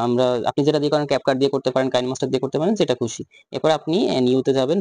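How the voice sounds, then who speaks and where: A man talking through a software tutorial step by step, asking himself questions and answering them. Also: mid-range voice, no room sound. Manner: repetitive step-by-step instructions, rhetorical questions. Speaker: tutorial host. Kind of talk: screen-recorded software tutorial.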